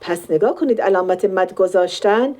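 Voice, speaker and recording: A woman with a mellow, dark voice teaches a Quran recitation lesson. She explains each point step by step. She draws out the sample words slowly to show how long each sound is held. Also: medium pitch.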